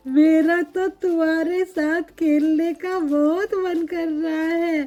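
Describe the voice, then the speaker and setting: A woman voicing a playful, pesky male monkey in a storybook doll show, teasing and pleading with drawn-out words. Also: very high voice, fairly even intonation, mellow, dull audio.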